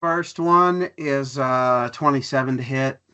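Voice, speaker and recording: A man's voice: medium pitch, slow pace, pushed and bright, clean tone. A man playing a tabletop game, calling out his attack rolls and damage. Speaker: player.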